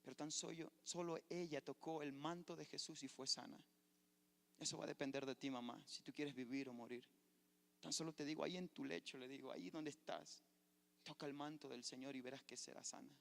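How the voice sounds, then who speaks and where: Un pastor con acento ecuatoriano predica con fervor y cuenta su testimonio. Su voz es un poco aguda para un hombre. La grabación suena en un templo amplio con reverberación larga. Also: male voice, a little high, steady tone, a little fast, creaky. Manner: fervent preacher, storytelling testimony. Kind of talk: sermon. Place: church sanctuary. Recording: echoey church hall.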